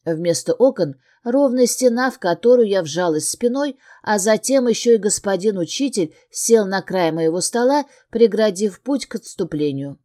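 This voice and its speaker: Warm-voiced woman reading a fantasy audiobook. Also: medium pitch, moderate pace, hardly any pauses. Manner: expressive, emotionally engaged reading. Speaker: audiobook narrator. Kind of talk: first-person fantasy audiobook narration.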